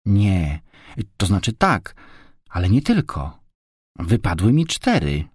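A man's voice: slow pace, slightly rough, no room sound, studio quality, heavily acted. A man reading a storybook, voicing a tearful little girl who loves her snacks, with a raised, dramatic voice. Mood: excited. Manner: high, sobbing, then excited.

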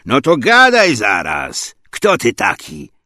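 A man's voice: mid-range voice, big pitch swings, a little slow, gravelly, sharp tone, breathy edge, no echo, clean studio sound, full character voice. A man voicing a stern, angry Soviet officer interrogator who speaks Polish with a Russian tinge and barks threats and orders. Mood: demanding.

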